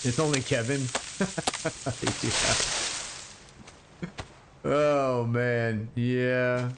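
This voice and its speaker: Heavy background noise surrounds a man commentating his game live, chatting and joking with viewers. His mid-range voice keeps a steady tone, and his delivery is slow and rambling with frequent fillers.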